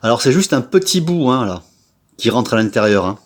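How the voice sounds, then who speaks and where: A man's voice: mid-range voice, sing-song, brisk. A man from France giving a casual how-to tutorial, chatty, blunt and slangy, talking straight to the viewer with lots of filler tags. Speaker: scooter repair vlogger.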